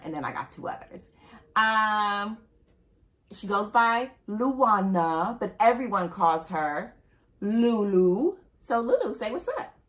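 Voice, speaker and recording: A woman's voice: lowish voice, a bit bright. A woman hosting a podcast, chatting casually and playfully with a friend. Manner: playful, chatty, laughs easily. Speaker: podcast host. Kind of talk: casual chat.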